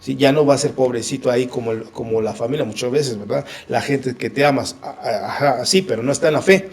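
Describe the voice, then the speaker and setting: A man's voice: mid-range voice, brisk. A man teaching the Bible in a conversation, earnest and direct, often checking in with the listener and calling him brother. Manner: earnest, repeats questions like "¿sí?" and addresses "hermano". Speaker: preacher leading a Bible conversation.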